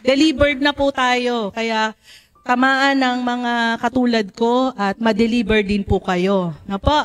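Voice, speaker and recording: A woman preaching a sermon, telling stories in an animated way and acting out the voices she quotes. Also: a little high, measured pace, smooth, soft background music. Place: church.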